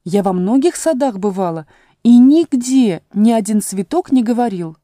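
A woman's voice: a little high, lively intonation, moderate pace, mellow, no echo, studio quality, voice pushed up, natural voice. A woman voicing a curious, polite young girl in a storybook reading, asking earnest questions.

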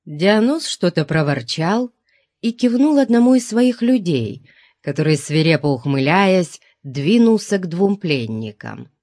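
A woman narrating an audiobook in an expressive reading. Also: on the low side, a little slow, dry recording, clean studio sound.

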